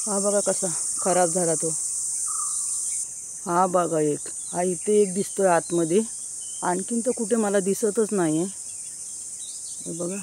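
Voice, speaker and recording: A woman's voice: mid-range voice, a little mellow. Chatty Konkan woman touring her orchard. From Konkan, India. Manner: chatty, keeps pointing things out to viewers. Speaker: village vlogger. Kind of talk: casual walking farm tour. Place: outdoors in an orchard. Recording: faint outdoor noise from insects. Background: insects chirping.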